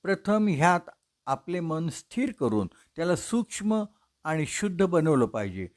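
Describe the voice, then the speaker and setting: Man giving a measured religious discourse. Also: a little high, big pitch swings. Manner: measured explanatory preaching with listed examples. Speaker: religious storyteller. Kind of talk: Bhagavata discourse.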